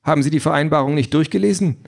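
A man's voice: a little high, racing, gravelly, voice pushed up. A man doing a prissy, overly polite self-driving car. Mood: prim, polite. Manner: overly formal, eager to please.

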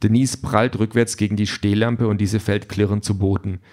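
A male narrator reads a story in a steady, dry tone. His voice sits a little low, and he keeps an even, unhurried delivery. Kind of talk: audiobook narration.

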